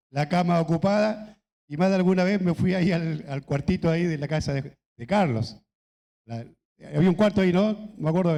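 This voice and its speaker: A middle-aged man from Chile preaches at a church anniversary, his voice pitched a little high. He tells his stories in a relaxed, chatty way, and a long church-hall reverb trails after his words. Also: creaky. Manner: conversational storytelling with laughs and asides. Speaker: pastor. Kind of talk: anniversary sermon with anecdotes.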